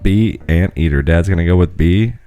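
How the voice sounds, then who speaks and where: A man's voice: low-pitched, moderate pace, dark tone, soft background music. A man hosting a podcast, reading out trivia questions and teasing the contestant with casual swearing. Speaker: podcast host running a trivia quiz.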